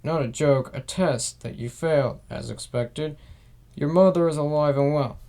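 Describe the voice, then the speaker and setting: A man's voice: a little high, normal speed, dark tone, natural voice. A man reading out the messages of a cold, manipulative older grandmother in a plain, barely acted voice.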